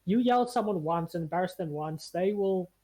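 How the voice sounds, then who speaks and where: Young female co-host, playful and teasing, quick back-and-forth banter. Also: on the low side, animated, dark tone. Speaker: podcast co-host. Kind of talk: casual chat.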